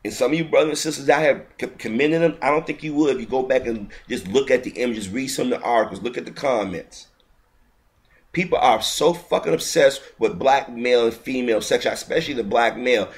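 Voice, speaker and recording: This mid-range male voice moves fast as he delivers a heated, indignant video commentary. He rants repetitively and often breaks off mid-thought to start over.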